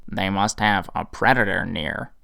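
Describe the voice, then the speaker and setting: Man putting on a nasal, gravelly bee man. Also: sits low, pushed and bright, pitched below the performer's own voice, heavily acted. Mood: dreamy. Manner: mumbling, drawn-out. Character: dreamy fuzzy bee man, slow and aloof.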